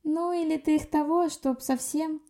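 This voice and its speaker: Brief: a woman playing a cheeky young witch, high and chirpy, flippant, dark-toned. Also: fairly even intonation, normal speed. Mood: teasing. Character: cheeky young witch girl, potion maker, carefree.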